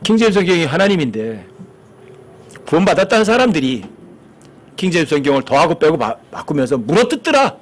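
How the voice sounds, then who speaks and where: A man's voice: fairly high pitch, very animated, a little fast, long pauses. A man preaching a sermon as pastor, asking the congregation questions and acting out the lines he quotes.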